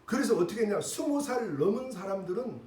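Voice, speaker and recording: A male pastor preaching a sermon, telling the story in an animated way and acting out the voices of the people he quotes, often turning to the congregation with a quick question. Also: sits high. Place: church sanctuary. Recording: echoey church hall, mic at a distance.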